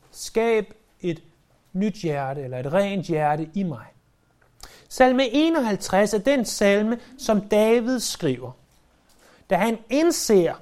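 A man preaching a sermon who retells a story vividly and slows down to stress key words. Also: high voice, a little mellow.

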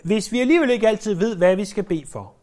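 A man preaching a sermon, stressing points loudly and then dropping to hushed, low phrases. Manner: emphatic, swings between loud stresses and hushed low phrases.

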